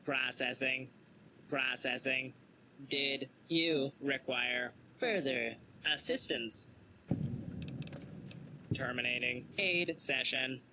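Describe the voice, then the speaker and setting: A man's voice: mid-range voice, slow pace, long pauses, background noise, natural voice. A man voicing a male refugee-aid robot that talks in stiff, clipped machine announcements while running computer processing. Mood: mechanical. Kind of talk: game voice acting.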